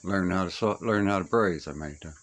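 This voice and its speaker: Talking a little fast in a low voice, this older radio hobbyist reminisces casually as he shows his collection. His manner is folksy and plainspoken, his grammar homespun, and he's in a small upstairs room being gutted to the studs.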